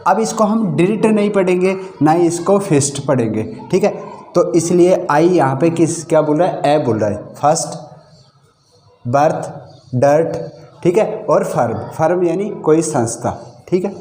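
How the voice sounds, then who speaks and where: A fairly high-voiced man walks learners through English pronunciation. He spells each word out letter by letter and keeps checking in with "okay". His voice is mellow and dark, and it rings in an echoey room. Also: expressive, measured pace. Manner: spells words letter by letter, repeats with "thik hai". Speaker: English teacher. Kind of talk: step-by-step pronunciation lesson.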